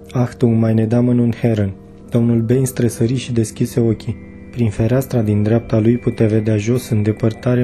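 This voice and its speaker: Dark-voiced male audiobook narrator. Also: medium pitch. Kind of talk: scripted narration. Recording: faint background music.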